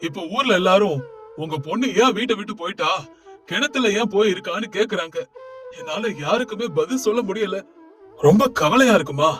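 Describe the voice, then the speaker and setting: A man's voice: high voice, animated, brisk, a bit bright, soft background music. A regretful middle-aged father. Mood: remorseful. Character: remorseful middle-aged father, proud and then contrite.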